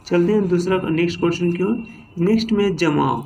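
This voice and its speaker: Man, fairly high voice, grammar teacher, spells words out slowly, keeps checking in, faint hiss behind. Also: vocal fry, darkish tone. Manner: repetitive, frequent "ठीक है" and "है ना" check-ins. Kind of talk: classroom-style lesson.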